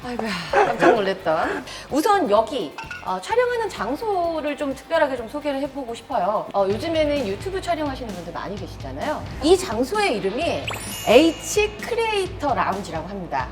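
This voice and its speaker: Upbeat host in her thirties, a woman, fairly high voice with a wide swing, background music. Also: very animated, brisk, hardly any pauses. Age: 30s. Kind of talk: bright, teasing talk-show hosting.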